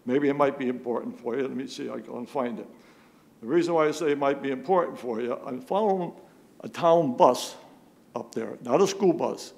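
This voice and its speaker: During public comment in a town police commission meeting room, a man with a medium-pitched, darkish voice and some vocal fry presses his complaint, firing off one rhetorical question after another.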